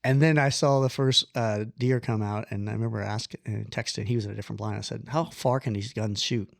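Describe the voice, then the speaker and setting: Man, gravelly voice, dry close sound, animated blunt storyteller, casual chat. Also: lowish voice, fast, dry recording. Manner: animated, blunt, self-deprecating storyteller with mild swearing. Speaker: podcast guest.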